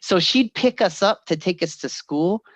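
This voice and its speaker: A middle-aged man co-hosting a podcast, telling stories in a lively way, acting out the quoted voices and laughing often. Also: high-pitched, moderate pace, no echo. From Northern California. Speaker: podcast co-host. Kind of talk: casual storytelling chat.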